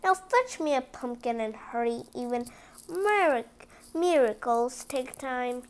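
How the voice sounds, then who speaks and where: A woman voicing a kindly, brisk older fairy godmother from a storybook, motherly and instructing. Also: sits high, expressive, exaggerated voice. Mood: brisk, encouraging.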